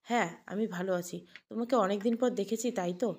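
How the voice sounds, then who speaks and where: Woman doing a sweet young wife, soft voice, acting fine when she's not. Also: medium pitch, fast talker, natural voice. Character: young gentle wife hiding her sadness.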